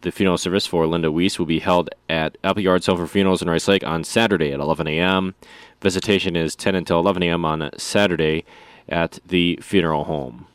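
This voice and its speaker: A male announcer reading scripted funeral notices in a measured, solemn obituary manner. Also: low-pitched, steady tone, clear, resonant tone, no echo. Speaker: radio announcer.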